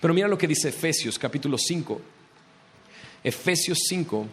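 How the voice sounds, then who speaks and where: A male pastor preaching a sermon, asking rhetorical questions and slowing down to stress scripture. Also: on the high side, lively intonation, fairly bright tone, slight background noise. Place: church.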